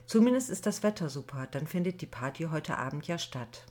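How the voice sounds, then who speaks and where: A woman's voice: low voice, lively intonation, brisk, darkish tone. A woman voicing a defiant, easily irritated eighteen-year-old schoolgirl in a storybook reading. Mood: cheerful. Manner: grumpy, defiant.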